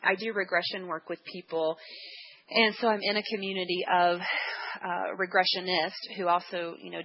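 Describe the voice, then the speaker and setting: Husky woman host, lo-fi. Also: fairly low pitch. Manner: attentive, lots of soft affirmations. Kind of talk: interview.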